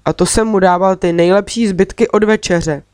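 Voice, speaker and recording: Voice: medium pitch, fairly even intonation, a little mellow, dry recording, clean studio sound, close to an everyday voice. A woman reading a storybook voices a middle-aged chalet owner who grumbles plainly. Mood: worried.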